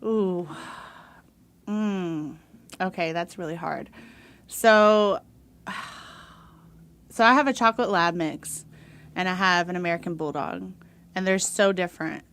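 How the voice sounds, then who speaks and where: A woman's voice: lowish voice, slow, long pauses, a bit bright. A young woman from Houston, Texas, chatting casually as a podcast guest, rambling with lots of fillers and laughs. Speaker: podcast guest, dog trainer. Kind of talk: casual interview chat.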